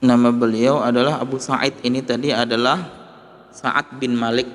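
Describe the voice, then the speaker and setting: A man's voice: mid-range voice, little pitch movement, normal speed. A male religious teacher giving a study lesson, explaining points and putting questions to his listeners. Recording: long hall reverb.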